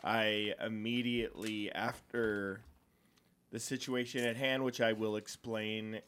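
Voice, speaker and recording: A man's voice: on the low side, flat delivery, slow pace, fairly bright tone, a little hiss or hum. A young man on a podcast, telling a rambling story in casual chat with many fillers and restarts. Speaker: podcast co-host.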